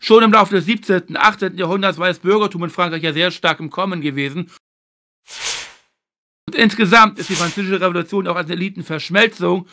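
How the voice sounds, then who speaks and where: A man hosting a video lecture series, explaining history in a measured way and stressing his key points. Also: high voice, bright, forceful tone. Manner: filler phrase "eben halt".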